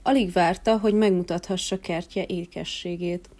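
Woman reading a kids fairy tale, calm and gentle, warm mellow voice. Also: fairly low pitch. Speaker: storyteller. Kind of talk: storybook reading.

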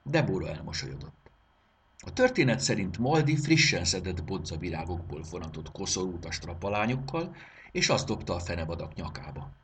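A man narrating a children's story aloud in an expressive reading. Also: low voice, a little hiss or hum. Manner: expressive, lilting delivery.

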